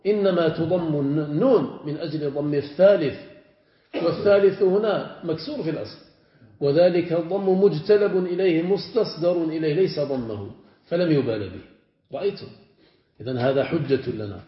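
A man with a fairly high voice teaches a grammar lesson as a sheikh. He says each word form aloud several times and pauses to check that his students understand. The lo-fi recording sounds muffled, and it carries the echo of a roomy classroom.

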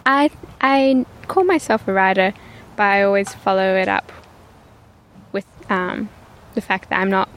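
A woman's voice: mid-range voice, unhurried. A woman from Perth with a Scottish accent, a writer guest in casual chat, hesitant and self-deprecating. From Perth, Australia.

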